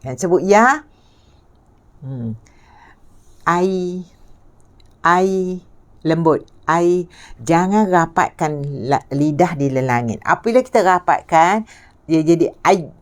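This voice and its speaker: Malaysian lady teacher, low voice, takes it slow, keeps repeating sounds and asking if you got it. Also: lively intonation. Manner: patient, repeats sounds slowly and asks checking questions. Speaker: Quran recitation teacher. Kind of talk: tajwid lesson on letter pronunciation.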